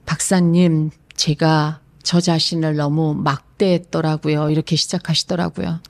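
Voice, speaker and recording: A woman's voice: lowish voice, a little mellow. A woman in her late fifties, a counselor telling a case story in an earnest way and acting out the words of the people in it. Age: 50s. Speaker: psychological counselor.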